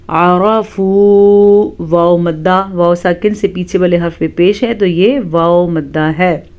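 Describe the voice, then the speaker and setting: A woman teaching Quran recitation rules, explaining each one calmly and reciting words slowly and drawn out. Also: medium pitch, lo-fi sound. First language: Urdu. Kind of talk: tajweed lesson with slow recitation.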